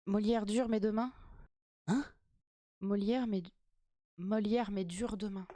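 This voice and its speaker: A woman's voice: mid-range voice, fairly even intonation, takes it slowly, mellow. A woman streamer chatting casually and playfully while reacting to a TV quiz, swearing freely.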